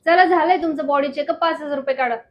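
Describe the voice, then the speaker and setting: A woman acting in a comedy sketch, playing a brisk, deadpan doctor. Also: sits high, highs cut off. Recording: music under the voice.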